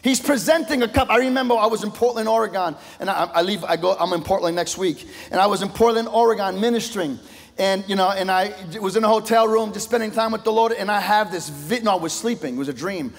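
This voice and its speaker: A male pastor delivers a sermon with fervor, his voice climbing loud and then falling to a hush. His voice sits high for a man. The sound rings with the long echo of a large church sanctuary. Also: fast talker. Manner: impassioned preaching, voice swelling and dropping low.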